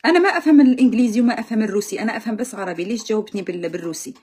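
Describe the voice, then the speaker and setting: A woman's voice: medium pitch, very fast, darkish tone, slightly rough. A woman with an Algerian accent chatting casually with viewers on a live stream, exasperated and joking.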